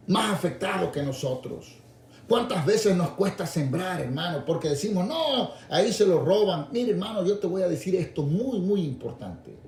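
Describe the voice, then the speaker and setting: A man preaching a radio sermon, calling his listeners "brother" and swinging from low, intimate asides to raised, shouted appeals. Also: reverberant, a little hiss or hum. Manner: addresses listeners directly as "hermano".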